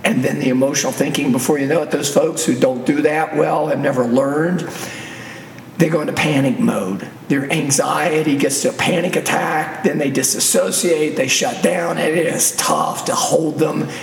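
Male radio co-host, gravelly and hoarse, slightly high-set voice, conversational religious talk, recorded roomy. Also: moderate pace. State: hoarse, recovering from laryngitis. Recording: roomy, echoey, distant, faint noise.

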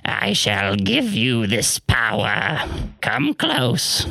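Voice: mid-range voice, wildly swooping pitch, extremely slow, creaky, pushed and bright, dry recording, heavily acted. A performer playing Rumpelstiltskin, an ancient male imp who speaks grandly, with archaic words and a sing-song delivery. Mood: incantatory. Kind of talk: in-character interview.

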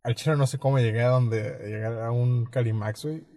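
A Mexican man co-hosting a podcast, his voice mellow and warm. He speaks at a middling pitch and tells his stories loosely, leaning heavily on slang. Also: fairly even intonation, a little fast. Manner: rambling, slangy, fills nearly every phrase with "güey". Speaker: podcast co-host. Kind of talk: casual storytelling chat.

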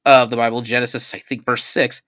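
A man hosting a casual podcast, telling a story in an animated, rambling way with many restarts. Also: medium pitch, a little fast, dry recording. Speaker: podcast host.

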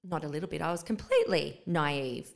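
A woman's voice: sits low, animated, fairly quick, gravelly. A woman co-hosting a podcast, chatting casually with ums and easy laughs. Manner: chatty, laughs easily, thinks aloud with ums. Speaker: podcast co-host, Pilates teacher trainer.

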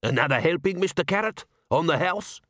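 A man's voice: a little high, expressive, brisk, a bit bright, no echo, studio quality, voice pushed up. A man voicing an eager, obliging male dwarf waiter.

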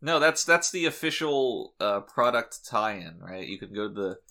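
A man co-hosting a podcast, trading deadpan, mock-serious jokes in casual chat. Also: lowish voice, measured pace. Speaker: podcast co-host.

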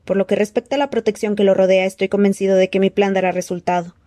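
A woman voicing a cold, menacing dark-lord man who speaks slowly in soft hissing threats. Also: medium pitch, level tone, no room sound, lightly acted.

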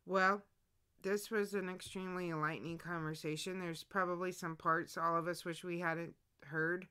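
A woman's voice: on the low side, little pitch movement, normal speed, bright, forceful tone, clean tone. A woman with an American accent co-hosting a live show in casual, conversational chat.

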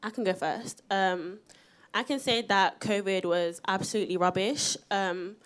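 A woman's voice: mid-range voice, fairly even intonation, unhurried, smooth. A young woman of seventeen with a South London accent, chatting casually and slangily as a youth podcast co-host. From South London, England. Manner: informal, slangy, frequent "like". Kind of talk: casual live panel chat.

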